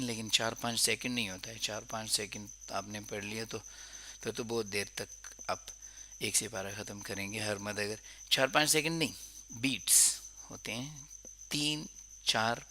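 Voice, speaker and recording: Bright-voiced male recitation teacher. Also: mid-range voice, slight background noise. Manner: slow drawn-out recitation between quick explanations; corrective, repeating wrong and right forms. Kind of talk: tajweed lesson.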